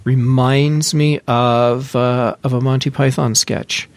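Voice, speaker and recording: This podcast host speaks slowly in a steady, medium-pitched voice. On a casual tech podcast, he chats with co-hosts and explains the news one step at a time.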